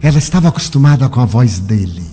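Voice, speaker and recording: A man telling a moving first-person story with emotion, slowing down and pausing for drama. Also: mid-range voice, animated, dark tone, a little hiss or hum. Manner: emotional, with dramatic pauses and slowed phrases.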